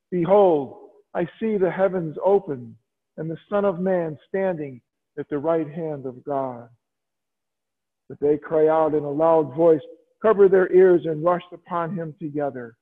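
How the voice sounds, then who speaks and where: A man leading Mass as a priest, reciting prayers and scripture in a measured, solemn way. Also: on the high side. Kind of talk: liturgical prayers and scripture reading. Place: church. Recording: tinny radio broadcast in a long-reverb church.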